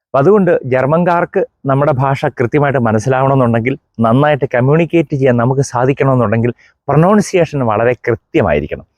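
A middle-aged priest from Kerala giving a German pronunciation lesson, spelling out contrasting sounds and repeating examples slowly. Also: male voice, medium pitch, lively intonation, a little mellow, no room sound. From Kerala, India. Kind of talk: explanatory language lesson.

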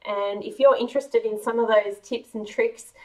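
A middle-aged Australian woman hosts a cheerful, chatty home cooking vlog from a large home kitchen, speaking casually at a normal speed. Her pitch is fairly high and her intonation fairly even. The camera sits a few meters away, so the mic sounds distant and the recording is rough.

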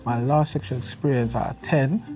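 A man in his thirties from Jamaica with a Jamaican accent, talking on a date in a relaxed, flirty way and slipping into patois. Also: mid-range voice, moderate pace. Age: 30s. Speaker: speed dating contestant. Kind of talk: casual date conversation. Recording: clip played back from a distance with music under it.

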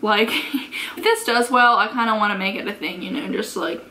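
A woman's voice: mid-range voice, fast, sharp tone, slight background noise. An American woman in her twenties chatting casually through a makeup tutorial, giggly drunk, rambling and swearing freely. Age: 20s. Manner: sweary, unfiltered. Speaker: beauty vlogger. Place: carpeted bedroom, indoors.

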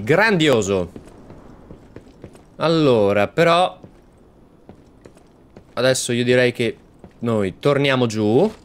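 Excitable man narrating his gameplay. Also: medium pitch, a little hiss or hum. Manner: excitable, exclaims often, talks to viewers. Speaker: gaming channel host. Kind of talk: let's-play commentary.

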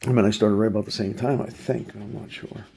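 A man's voice: lowish voice, fairly even intonation, fairly quick, gravelly, warm tone, husky. A man hosting his own lottery video, talking to himself in a wry, sarcastic running commentary as he scratches tickets. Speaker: channel host.

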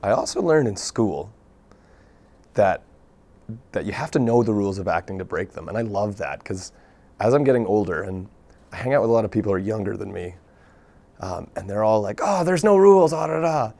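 A man, a local theatre artist, talking earnestly in a TV interview, telling things in an animated way with many restarts. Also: fairly low pitch, fairly quick, pauses often. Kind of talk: casual interview talk. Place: TV studio.

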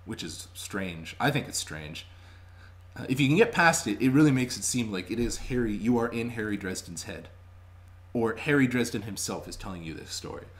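Speaking with a fairly low voice, lively intonation and a moderate pace, a young man reviews audiobooks to camera from his small room at home. The webcam microphone sits at arm's length, and his chatty delivery is casual, emphatic and enthusiastic.

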